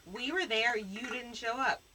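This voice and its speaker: Teasing woman host, slightly high voice. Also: a little slow, crowd noise, poor audio. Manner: teasing, rambling with fillers. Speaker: stream host. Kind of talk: casual live-stream banter.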